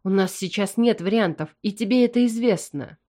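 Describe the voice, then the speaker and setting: A woman reading an audiobook and voicing a weary young alien nobleman who answers his mother calmly and with tired patience. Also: medium pitch, brisk, voice pushed up, lightly acted. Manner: tired, calm, reasoning. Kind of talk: audiobook character voice.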